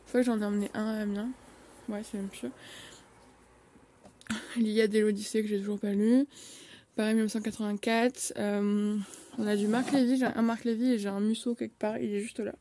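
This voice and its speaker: At home with her phone, a young woman vlogger chats through a casual bookshelf tour, filling her sentences with hesitations. She has a warm, medium-pitched voice with a flat delivery, talks fairly quickly with long pauses, and there's a little hiss or hum.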